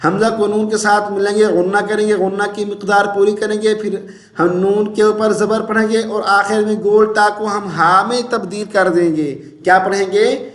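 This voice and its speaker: A man teaching Quran recitation and pronunciation, patiently repeating syllables slowly and chanting verses in drawn-out tones. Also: sits high, fairly even intonation, reverberant. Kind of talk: tajweed pronunciation lesson.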